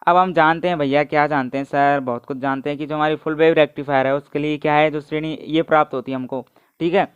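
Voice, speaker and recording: A man giving an energetic video physics lecture. He keeps asking his students rhetorical questions and answers them himself in their place. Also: on the high side, fast, smooth, no room sound, dull audio. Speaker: physics teacher.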